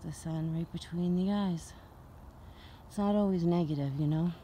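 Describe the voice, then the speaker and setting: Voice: mid-range voice, normal speed, mellow, a little hiss or hum. A vlogger outdoors, out of breath, musing in wonder while filming the sky on a handheld phone. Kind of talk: casual spiritual musing. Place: outdoors under the open sky. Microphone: handheld phone camera.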